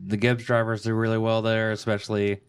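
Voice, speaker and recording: Man, podcast co-host, low flat voice, smooth, hesitant. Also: brisk, no echo. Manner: hesitant, many ums and restarts. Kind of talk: casual sports podcast chat.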